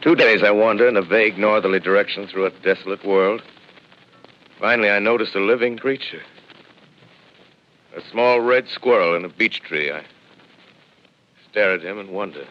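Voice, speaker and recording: An actor playing a lone, shaken professor surviving an invasion, narrating gravely in a 1930s radio drama heard through old AM radio sound. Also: male voice, lowish voice. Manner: grave, measured, reflective. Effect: old AM radio broadcast sound. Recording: muffled 1930s AM radio broadcast.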